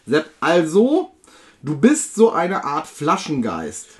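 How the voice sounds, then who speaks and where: A man's voice: on the high side, wildly swooping pitch, slow pace. A man playing an ordinary young man in an amateur radio play reading, casual and wry.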